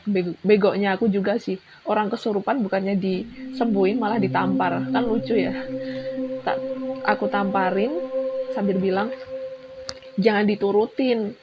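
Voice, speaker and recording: A woman's voice: medium pitch, very noisy. A young Indonesian woman telling a personal horror story in a casual, chatty way, often restarting and repeating words. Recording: dull lo-fi sound with music behind.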